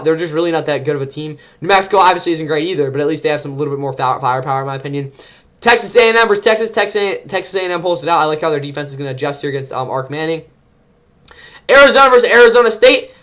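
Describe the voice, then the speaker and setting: A young man, rambling excitedly through casual sports predictions as host, often correcting himself mid-sentence. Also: fairly high pitch.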